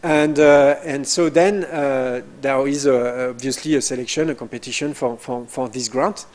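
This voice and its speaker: A man with as his presenting a doctoral program at an information session, halting with frequent fillers. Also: mid-range voice, fairly even intonation. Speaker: program director.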